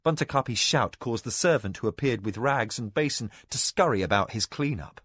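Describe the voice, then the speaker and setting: A man narrating a fantasy novel as an audiobook, in a measured, expressive way. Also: medium pitch, husky, no room sound, studio quality.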